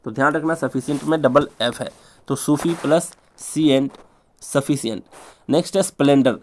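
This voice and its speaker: A man teaching an English spelling lesson in Hindi, drilling each word over and over in a sing-song way with quick asides. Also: medium pitch, a little mellow, a little hiss or hum. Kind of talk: spelling lesson for exam prep.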